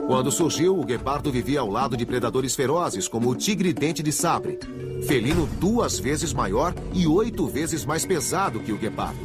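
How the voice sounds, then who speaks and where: A man's voice: medium pitch, lively intonation, moderate pace. A man with a Brazilian accent reading scripted, dramatic documentary narration. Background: music bed.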